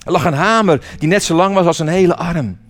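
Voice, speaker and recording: A man reading a children's story aloud in an expressive, animated way. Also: on the high side, fairly quick.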